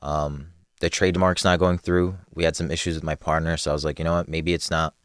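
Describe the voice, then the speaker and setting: A young man with a very deep, low voice talks as a podcast guest. He is relaxed and slangy and laughs easily. The sound is dry and close to the mic. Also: quick pace, clean tone, no room sound. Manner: laid-back, laughs often, street slang. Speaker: podcast guest, clothing brand co-owner. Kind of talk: casual podcast chat.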